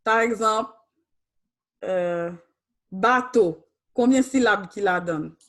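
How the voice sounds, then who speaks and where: A woman's voice: mid-range voice, takes it slowly. A woman teaching a Haitian Creole class, switching between Creole and French and questioning her students patiently.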